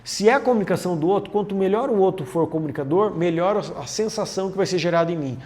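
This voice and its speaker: In a talking-head lesson on management, the series host, a leadership lecturer, speaks fast in a high voice with a darkish tone. He poses rhetorical questions and answers them himself, repeating key phrases for emphasis.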